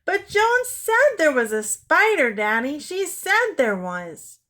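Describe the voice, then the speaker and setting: A woman's voice: high-pitched, very animated, takes it slowly, a bit bright, voice pushed up, exaggerated voice. A woman voicing a whiny little girl who squeals and pleads, reading a storybook. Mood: pleading.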